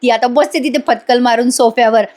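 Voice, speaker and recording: Woman, high voice, chatty voice-over recapping a serial to viewers. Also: steady tone, fairly quick, darkish tone. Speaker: serial reviewer.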